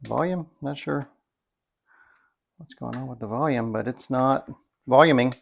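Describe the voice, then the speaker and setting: This product reviewer speaks at a measured pace in a medium-pitched voice thick with gravelly fry, musing out loud in an unscripted, folksy and dryly wry way as he demos the item. A faint hiss or hum sits under the recording.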